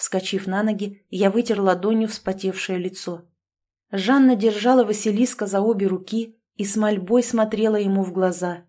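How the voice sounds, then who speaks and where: Woman audiobook narrator, mellow and even, measured storybook reading. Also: medium pitch.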